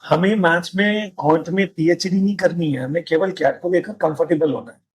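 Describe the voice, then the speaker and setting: A man's voice: high-pitched, fairly quick, breathy edge. A man hosting a casual panel discussion, talking straight to students and mixing in English phrases. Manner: mixes Hindi with English phrases, addresses students directly. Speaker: host.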